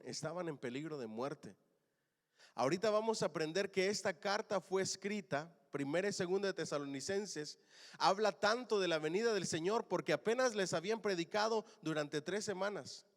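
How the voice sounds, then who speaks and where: A man preaching a sermon as pastor, calling the congregation to answer back and swinging between loud and soft lines. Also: high-pitched, in a large hall. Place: church.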